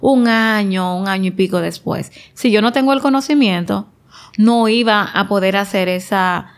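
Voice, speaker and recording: A woman's voice: mid-range voice, moderate pace. A woman guest on a podcast interview, talking earnestly and reflectively, driving points home with repeated short phrases.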